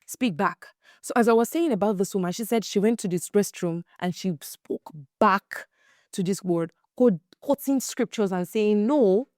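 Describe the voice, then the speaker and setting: A young adult woman hosting a faith-based podcast, telling stories in a casual, animated way and acting out the quotes. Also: medium pitch, no room sound, studio quality. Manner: animated storyteller, acts out quotes, emphatic repeats. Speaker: podcast host.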